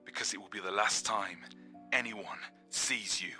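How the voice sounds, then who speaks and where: Low male caller, very sharp edge, quiet, cryptic, ominous, spooky game. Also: steady tone, normal speed, soft background music. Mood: grave warning. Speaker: radio caller. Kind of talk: dramatic game dialogue, ominous phone-in.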